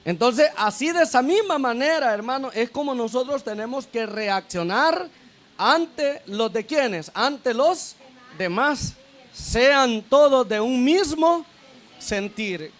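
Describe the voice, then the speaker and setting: A man with a very high-pitched voice preaches a sermon as a deacon. He keeps turning to the congregation with tag questions and calls them brother and sister. He often repeats and restarts his phrases as he goes. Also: lively intonation, measured pace, a bit bright. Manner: addresses listeners as brother and sister.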